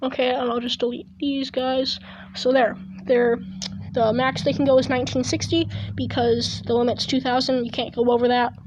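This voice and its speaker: Woman, high voice, hesitant commentary on a game, chewing gum, earbud mic at home. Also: little pitch movement, moderate pace, a little mellow, highs cut off, slight background noise. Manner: rambling, hesitant, many restarts. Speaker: gaming video host. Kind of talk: casual gameplay commentary. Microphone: earbud headset mic.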